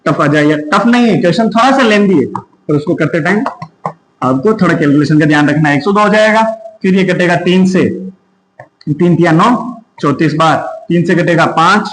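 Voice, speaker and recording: High-voiced maths teacher, echoey room. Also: male voice, moderate pace, fairly bright tone, a little hiss or hum. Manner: works through sums step by step, asking and answering himself. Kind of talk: exam-prep maths lesson.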